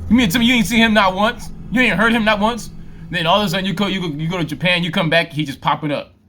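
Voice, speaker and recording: A man's voice: high-pitched, quick pace, pushed and bright, a little hiss or hum. A man hosting a reaction video, talking back at a clip in slangy, laughing casual commentary.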